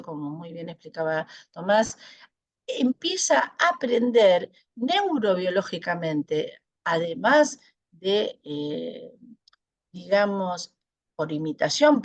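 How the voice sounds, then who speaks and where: A woman's voice: mid-range voice, no echo, highs cut off. A woman with an Argentine accent giving a conference talk as a psychologist, thoughtful and hesitant, with many fillers and restarts. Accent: Argentine Spanish. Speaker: panel speaker, psychologist. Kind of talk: conference presentation.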